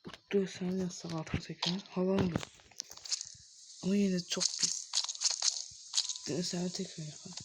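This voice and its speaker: A man's voice: sits high, little pitch movement, unhurried, pauses often. A man with an Azerbaijani accent giving casual gameplay commentary, exclaiming at what happens on screen. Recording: loud background noise.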